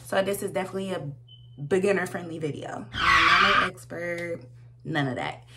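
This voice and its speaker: Speaking with a fairly low pitch at a moderate pace, a woman in her twenties with an American accent hosts a casual makeup tutorial in vlogger style, full of slang. She's in a small room at home, and the recording is noisy with hum.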